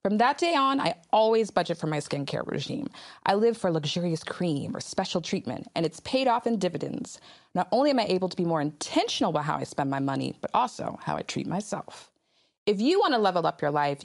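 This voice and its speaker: A woman with a lowish, slightly fast, creaky voice hosts a podcast, recorded dry at studio quality. She chats casually with slang and sass, reading ads and offering her opinions in animated commentary.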